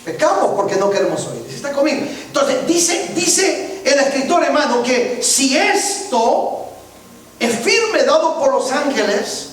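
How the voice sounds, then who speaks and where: A male pastor delivers his sermon in an unusually high voice, often pausing to ask whether his listeners follow. He stands well back from the microphone. His words ring through a heavily echoing church. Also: big pitch swings. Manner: preaching, often checks in with listeners. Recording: very echoey church from far off.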